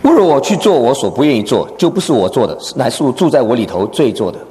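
A man's voice: medium pitch, very animated, fast talker. A middle-aged or older man, a pastor giving a humorous sermon, joking and self-deprecating. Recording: echoey hall with background noise.

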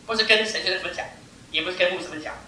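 An older man preaching a sermon to his church, emphatic and animated, pressing each point home with "I tell you.". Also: high voice, rapid-fire. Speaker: pastor. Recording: echoey hall, mic far off.

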